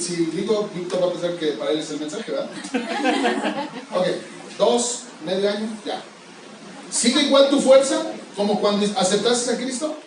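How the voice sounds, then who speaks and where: A man's voice: high-pitched, a little hiss or hum. A male pastor preaching a sermon, pressing the congregation with repeated questions. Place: church sanctuary. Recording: echoey church hall, far from mic.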